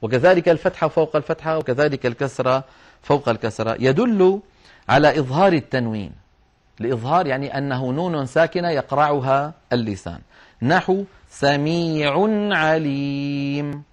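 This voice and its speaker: A male teacher at an ordinary middle pitch talks through a lesson one point at a time. He slows down to chant short examples in a drawn-out voice, then goes back to plain explaining. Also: lively intonation. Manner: patient step-by-step explaining, chanting examples slowly. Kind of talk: explanatory lesson on Quran orthography marks.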